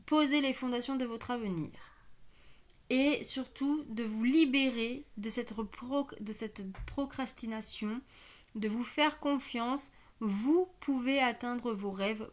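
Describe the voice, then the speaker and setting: A woman with a slight lisp on her s sounds, giving a casual card reading and thinking aloud as she goes, often hesitant. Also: a little high. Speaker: online card reader hosting weekend guidance. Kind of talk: casual spoken tarot reading.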